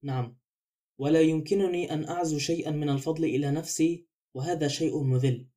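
Male reader voicing a mellow-toned, thoughtful older-gent detective, quick delivery. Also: fairly high pitch, steady tone, natural voice. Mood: calm, probing. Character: fussy, thoughtful middle-aged male detective.

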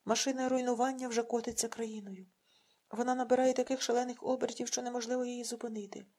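A woman's voice: fairly high pitch, brisk, husky. A woman voicing an agitated, defiant male village party organizer speaking out fiercely. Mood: agitated speech. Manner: excited, fierce.

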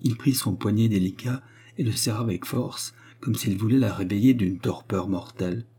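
A man reading a novel aloud as an audiobook narrator, measured and expressive. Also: lowish voice, slightly rough. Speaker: audiobook reader.

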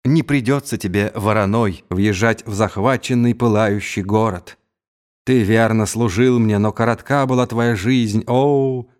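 A man's voice: fairly low pitch, unhurried, darkish tone, clear, resonant tone, natural voice. A man voicing a drunken, raging young Mongol khan who is suspicious and given to wailing outbursts. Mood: wild, drunken.

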